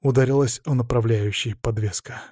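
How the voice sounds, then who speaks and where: A man reading a first-person story aloud as an audiobook narrator, in a measured, intense storytelling manner. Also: medium pitch, steady tone, warm tone, no room sound, studio quality.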